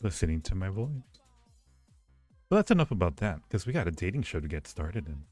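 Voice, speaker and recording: This man hosting a livestream speaks a little fast in a low, slightly mellow voice with big pitch swings. He chats casually and flirts playfully with viewers, repeating his phrases often, over faint music in an echoey room.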